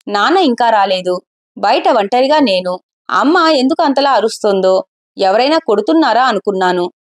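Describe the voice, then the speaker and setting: A grieving young husband, read by a woman in a storybook telling, guarded and quietly confessional. She keeps her own slightly high voice. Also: lightly acted.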